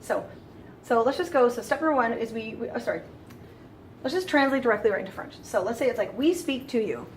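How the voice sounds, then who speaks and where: A woman's voice: on the high side, quick pace, slight background noise. Chatty woman teaching a casual lesson. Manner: chatty, restarts phrases, explains step by step. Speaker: French teacher.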